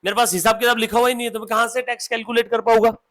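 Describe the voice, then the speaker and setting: A man's voice: very high-pitched, little pitch movement, a bit bright. A man from India teaching accountancy in a classroom, mixing Hindi and English and often asking his students questions. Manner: dictates notes slowly. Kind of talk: classroom lecture.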